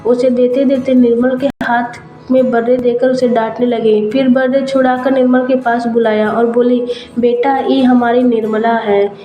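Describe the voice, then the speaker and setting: A woman narrating an audio story in a steady, even reading style. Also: a little high, moderate pace, hardly any pauses, lo-fi sound. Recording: roomy with faint music.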